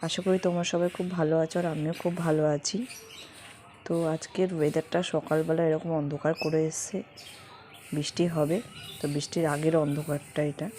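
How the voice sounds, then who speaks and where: A young woman, narrating a home vlog in a quiet, slow, hushed voice. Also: deep voice. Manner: talks quietly and slowly, keeping her voice down. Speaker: vlogger. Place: home in a leafy rural area. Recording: noisy home recording with ambience.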